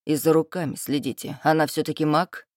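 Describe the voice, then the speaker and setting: A woman voicing a crude, menacing male thug leader in a slow, low, contemptuous drawl. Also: steady tone, darkish tone, no echo, clean studio sound, natural voice. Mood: leering, commanding.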